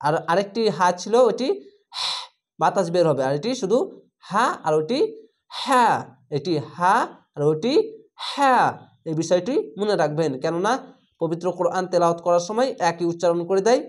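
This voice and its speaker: A patient Quran reading teacher, speaking slowly in an online lesson, repeating each letter sound and stretching the vowels. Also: medium pitch, darkish tone. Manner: patient step-by-step explaining.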